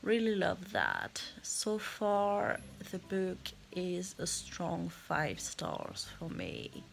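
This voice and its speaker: A young woman speaks very slowly, in a relaxed, casual reading-vlog way. Her voice has a gravelly, creaky edge, and she often pauses to think aloud. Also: lowish voice, soft background music. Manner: slow, unhurried, thinking aloud. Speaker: book vlogger. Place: in her bed at home.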